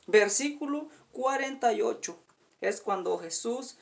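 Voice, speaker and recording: A man's voice: very high voice, lively intonation, a little slow, gravelly. A man preaching a sermon, pleading with his listeners, calling them dear friend and repeating words for emphasis.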